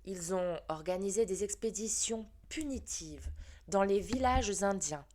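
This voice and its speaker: A woman's voice: medium pitch, measured pace, a little mellow, lightly acted. A woman reading aloud and voicing a strict, exasperated female schoolteacher who scolds in clipped phrases. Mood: grave.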